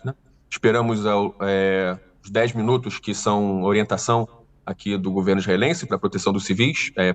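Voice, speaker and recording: A man with a carioca accent from Rio, a tour guide speaking in a remote news interview with many hesitant pauses. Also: fairly low pitch, far from the mic. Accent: Carioca Brazilian Portuguese. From Rio de Janeiro, Brazil.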